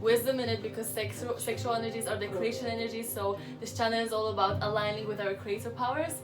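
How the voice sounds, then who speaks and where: A woman hosting a casual spiritual chat, bubbly and giggly, talking in quick bursts. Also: fairly high pitch, steady tone, reverberant, recorded from a distance, music in the background. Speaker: channel host. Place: flat in London.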